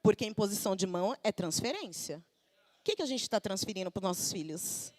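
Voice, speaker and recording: A woman's voice: medium pitch, lively intonation, fairly quick, darkish tone. Brazilian woman preaching conversationally. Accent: Brazilian Portuguese. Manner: conversational, asks the congregation questions, acts out everyday quotes. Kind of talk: sermon. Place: church service.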